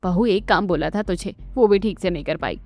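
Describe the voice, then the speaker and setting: A woman's voice: on the low side, a little fast, darkish tone, soft background music, natural voice. A woman voicing a stern, bossy middle-aged mother-in-law in a cartoon story, speaking harshly. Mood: scolding.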